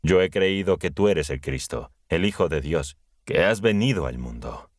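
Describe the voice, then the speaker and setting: A man's voice: low voice, animated, normal speed, no echo, clean studio sound. A man reading the lines of Martha, a grieving, faithful woman, in a Bible audiobook, earnest and pleading.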